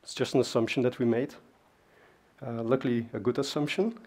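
A conference speaker whose native language is Dutch gives a relaxed, conversational technical talk on a large, dark stage, peppered with fillers and asides. His medium-pitched voice is husky with a darkish tone, fairly even intonation and a fairly quick pace.

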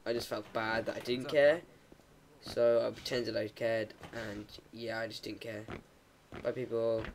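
A man's voice: fairly low pitch, little pitch movement, measured pace, vocal fry, background noise. A man giving casual, joking commentary while playing a game, often slipping into mock-dramatic self-pity. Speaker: let's play gamer.

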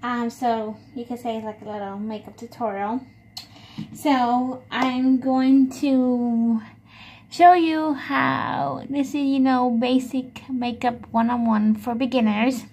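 A woman's voice: a little high, steady tone, takes it slowly, a little mellow. A young woman chatting casually and hesitantly through a tutorial, repeating herself as she narrates what she is doing. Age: young adult. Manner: hesitant, repetitive self-narration while doing a task. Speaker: beauty vlogger. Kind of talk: casual makeup tutorial chat. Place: small room at home, indoors. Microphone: phone propped at arm's length. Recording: faint background noise, home phone recording.

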